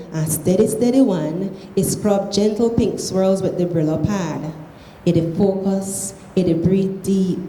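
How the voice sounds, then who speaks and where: In a soft, mellow voice on the low side, a woman with a Belizean accent reads a short story aloud, measured and expressive. Echo fills the room and there is faint noise in the background of this literary reading.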